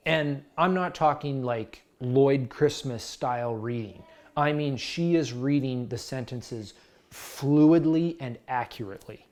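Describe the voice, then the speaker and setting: A man's voice: mid-range voice, slow pace, a little mellow. A man in his thirties, a sports blogger, talking through a season preview in a scripted vlog, earnest and story-driven with a dash of self-mockery.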